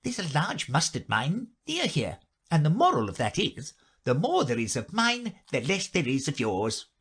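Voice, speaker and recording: A fussy, long-winded duchess from a storybook, forever finding a moral, as a male reader puts her on. Her voice sits raised with a husky grain and a lively, rambling lilt. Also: fairly high pitch, normal speed, voice pushed up, heavily acted. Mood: moralizing.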